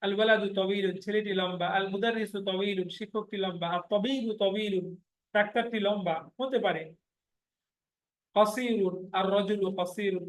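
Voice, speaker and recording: Male Arabic teacher, Bangladeshi Bengali, high bright voice, slow patient drilling, echoey room. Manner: slow drilling of letters and words, checks students often. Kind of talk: online class lesson.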